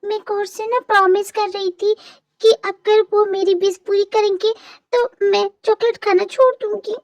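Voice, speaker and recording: A woman's voice: very high-pitched, level tone, moderate pace, a little mellow, no echo. A woman voicing an innocent little girl who explains her wish in an amateur audio drama. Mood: earnest. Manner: innocent, earnest. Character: little girl, earnest and hopeful.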